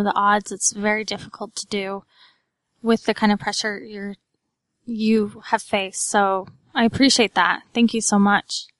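A woman's voice: medium pitch, dry recording. A woman with a Utah accent hosting a podcast interview in a casual, conversational way.

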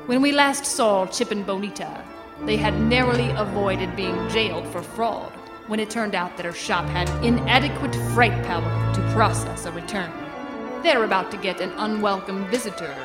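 A woman's voice: mid-range voice, normal speed, loud music behind the voice, natural voice. A woman playing a macabre horror hostess, narrating a scripted audio comedy in an arch, theatrical way. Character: macabre horror hostess addressing her little fright junkies. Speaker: host and narrator.

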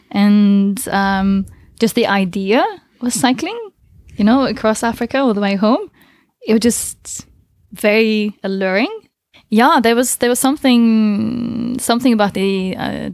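A woman's voice: medium pitch, darkish tone, no room sound. A woman guest in a conversational interview, speaking thoughtfully and hesitantly with frequent fillers and laughs. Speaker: interview guest, long-distance cyclist.

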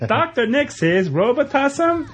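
A man putting on the voice of a cheerful cartoon doctor, greeting everyone in a high, drawn-out announcer voice. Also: sing-song, heavily acted. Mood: cheery.

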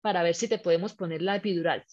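A woman voicing an upbeat female midwife who cheers loudly and urges her on. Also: on the low side, fairly even intonation, fast talker, no echo, pitched below the performer's own voice, natural voice. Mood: urging. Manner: cheers loudly, urging push. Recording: slightly muffled lo-fi recording.

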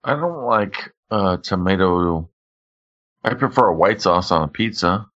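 Low-voiced man, muffled casual chat. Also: animated, measured pace, fairly bright tone.

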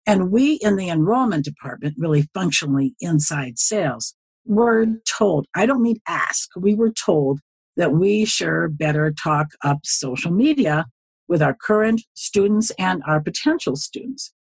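Casting: woman in her 70s, husky, dry close sound, chatty storyteller who wanders into asides. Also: on the low side, expressive, unhurried, no room sound. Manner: rambling, folksy, often circles back with asides. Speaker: podcast guest, social media consultant. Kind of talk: casual storytelling interview.

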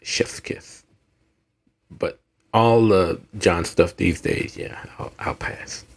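A man with a Southern US accent, co-hosting a podcast in a rambling, animated casual chat. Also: sits low, slow, gravelly, husky. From American South. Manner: animated, rambling, with frequent restarts. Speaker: podcast co-host.

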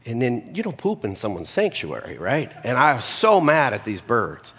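A man's voice: medium pitch, big pitch swings, normal speed, fairly bright tone, breathy edge. A man preaching a conversational sermon, telling stories with casual asides. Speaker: pastor. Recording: long hall reverb.

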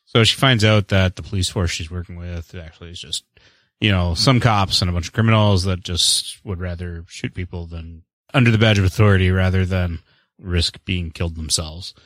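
A deep, slightly bright male voice at normal speed, with no room sound, belongs to a podcast co-host. He chats casually about movies and books, rambling in a wry, self-deprecating way.

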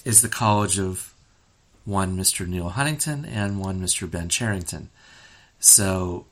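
A man's voice: low voice, measured pace, a bit bright. A man hosting a casual sports podcast, opinionated and rambling, with many fillers and restarts. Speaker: podcast host.

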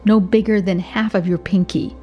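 A woman's voice: mid-range voice, steady tone, normal speed, muffled recording, soft background music. A woman with an American accent reading scripted narration as a science radio host and reporter.

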